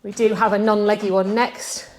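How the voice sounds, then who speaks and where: A woman's voice: medium pitch, little pitch movement, moderate pace, a little mellow, slight background noise, poor audio. A woman leading a bodyweight workout, talking through each exercise while doing it herself, chatty and a bit out of breath. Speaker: fitness coach. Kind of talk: workout instruction. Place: outdoors.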